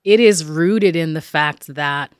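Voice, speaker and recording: A woman from northern New Jersey telling her story as an interview guest, thoughtful, with many filler pauses. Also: deep voice, smooth, dry recording, studio quality.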